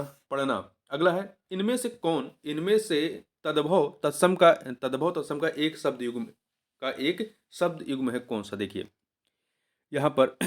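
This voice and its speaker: A male teacher running through an exam revision lesson in a slightly raised voice. He says each answer again and again, coaxing the listener along. He stops to correct himself partway through a sentence. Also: a little high.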